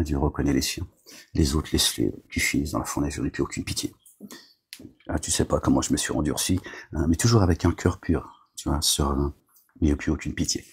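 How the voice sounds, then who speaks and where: A man's voice: extremely low pitch, vocal fry, a little mellow, slightly rough. A man delivering a rambling, agitated monologue to his viewers, scolding them as a self-styled preacher, with constant verbal tics.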